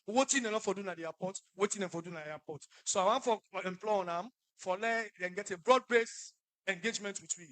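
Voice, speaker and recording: Emphatic Sierra Leonean politician, high voice. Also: male voice, a little fast, low-quality recording. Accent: Sierra Leonean Krio. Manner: loud, emphatic, stumbling speech. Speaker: opposition member of parliament. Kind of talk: press conference remarks.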